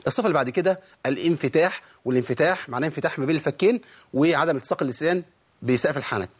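Egyptian male tutor, fast-talking, slightly high voice, keeps quizzing students with rhetorical questions. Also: breathy edge. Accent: Egyptian Arabic. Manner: quizzing, frequent rhetorical questions, demonstrates sounds. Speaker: Quran recitation teacher. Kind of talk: spoken lesson to students.

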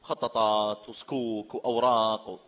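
A man preaching a sermon, telling stories in an animated way and asking rhetorical questions. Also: lowish voice, moderate pace, in a large hall, highs cut off. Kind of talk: sermon with storytelling.

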